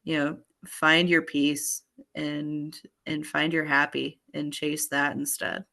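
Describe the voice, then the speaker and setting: A woman in her thirties, a podcast guest, chatting upbeat and rambling, her voice going hoarse. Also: sits low, little pitch movement, takes it slowly, bright, forceful tone. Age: 30s. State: hoarse, voice failing. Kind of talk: casual chat.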